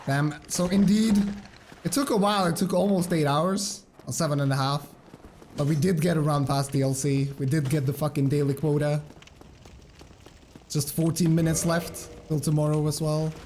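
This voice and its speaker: Young Czech speedrunner, casual and easygoing, slightly high voice, faint hiss behind. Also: male voice, normal speed. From Czech Republic. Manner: relaxed, laughs often, chats with viewers. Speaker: speedrun streamer. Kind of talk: casual stream chat.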